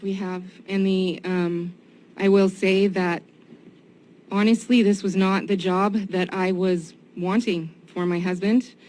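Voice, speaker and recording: A woman giving public comment and answering questions, sincere and somewhat halting. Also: medium pitch, flat delivery, a little mellow. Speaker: citizen giving public comment at a county meeting. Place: indoor public meeting room. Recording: noisy meeting room ambience.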